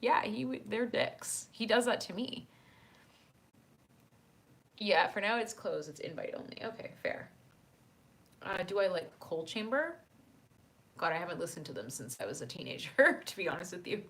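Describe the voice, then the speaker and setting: A woman casually chatting on a live stream, reading out chat messages, laughing often and filling pauses with "um" and "uh", speaking into a desk microphone. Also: mid-range voice, big pitch swings, a bit bright. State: hiccuping.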